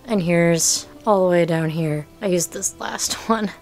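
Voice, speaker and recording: A woman's voice: fairly low pitch, measured pace, darkish tone, faint music behind. A young adult woman chatting casually and self-deprecatingly about her handmade costume in a cluttered bedroom. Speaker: cosplay costume maker. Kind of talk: casual craft vlog.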